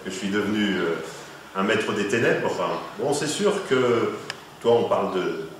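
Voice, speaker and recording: A man's voice: fairly low pitch, lively intonation, normal speed. A man playing a modest, wry investigator who talks hesitantly with many fillers, heard with a cathedral echo from some distance. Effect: cathedral echo, voice ringing from some distance in a vast hall. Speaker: investigator on a case. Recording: cathedral-like echo, off mic, faint noise.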